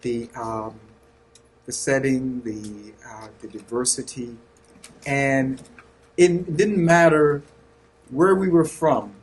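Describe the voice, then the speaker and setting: A husky-voiced man in his sixties with a Southern US drawl speaks slowly and earnestly. He shares reflections with a small group and pauses often to find the right words. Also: mid-range voice, steady tone. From North Carolina, USA. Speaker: Redemptorist priest sharing reflections.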